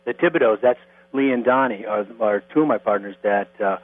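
A middle-aged man from Connecticut, a distiller being interviewed, explaining things step by step in a plain, unhurried way. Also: fairly low pitch, no room sound. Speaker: guest, distiller. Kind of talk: phone interview. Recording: tinny phone line with mains hum.

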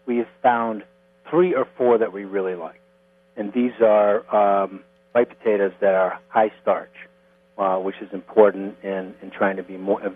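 A middle-aged man from Connecticut, a distiller being interviewed, explaining things step by step in a plain, unhurried way. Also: lowish voice, steady tone, dry recording. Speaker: guest, distiller. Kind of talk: phone interview. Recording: tinny phone line with mains hum.

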